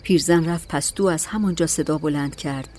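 Calm low-voiced woman reading a story. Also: slight background noise. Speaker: narrator. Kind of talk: scripted audiobook narration.

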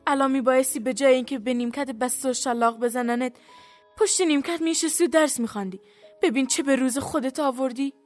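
Woman doing a bitter prison guard lady in a radio play, high voice, harsh and emotional, faint music under it. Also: natural voice. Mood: scolding.

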